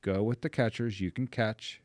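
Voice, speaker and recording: A middle-aged man from the Pittsburgh area telling family stories in a casual chat, animated when amused. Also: fairly low pitch, moderate pace, dry recording, studio quality. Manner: animated anecdote teller, voice jumps up when amused. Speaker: podcast guest.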